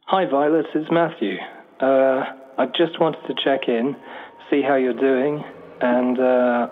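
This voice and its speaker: A man's voice: mid-range voice, fairly even intonation, takes it slowly. A man playing a shy young man on a voicemail. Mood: shy, hopeful. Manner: hesitant, with fillers and nervous laughs. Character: nervous, sweet young man leaving a voicemail. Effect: answering-machine playback. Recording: tinny phone-line playback.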